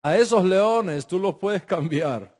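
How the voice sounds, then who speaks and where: A middle-aged man, emphatic and animated, teaches a religious class in Spanish using Hebrew religious terms, frequently repeating phrases and beginning his sentences again. His high-pitched voice has a darkish tone, and his pace is slow.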